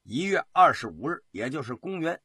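A man's voice: a little high, sing-song, normal speed, sharp tone, slightly rough, no echo, studio quality. A man telling a historical tale in traditional Chinese storytelling style, with dramatic, rhythmic delivery.

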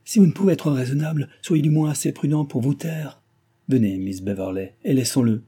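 A man's voice: medium pitch, a little fast, warm tone, husky, pitched above the performer's own voice, natural voice. A man reading an audiobook who voices a proud, enraged older noblewoman speaking with haughty anger. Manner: haughty, angry.

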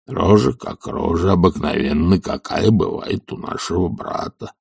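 A man doing a slow grumbling old servant. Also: deep voice, creaky, slightly rough, no room sound, clean studio sound, far from the mic, exaggerated voice. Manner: slow, sullen, mumbling. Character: lazy stubborn old male servant, grumbling. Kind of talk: audiobook character reading.

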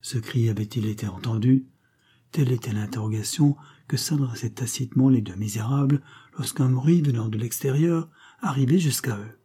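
A man's voice: medium pitch, normal speed, dark tone, husky. A man narrating an audiobook as a dramatic scripted reading.

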